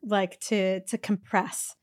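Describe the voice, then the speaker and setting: A woman co-hosting a comedy podcast in casual chat, making wry, deadpan remarks. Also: mid-range voice, slow pace, no echo, clean studio sound. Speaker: podcast co-host.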